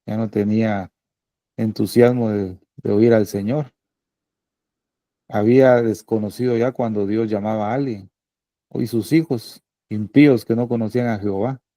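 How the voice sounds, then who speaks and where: A male pastor preaching a sermon in a conversational way, often checking in with the congregation through quick tag questions. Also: fairly low pitch, steady tone, dark tone, no room sound.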